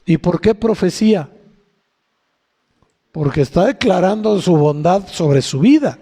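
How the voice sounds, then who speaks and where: A man with a Mexican accent preaching a sermon, often asking his congregation questions and reading scripture in a slow, drawn-out way. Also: high voice, animated, mellow, breathy edge. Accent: Mexican Spanish. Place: church hall. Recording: long hall reverb.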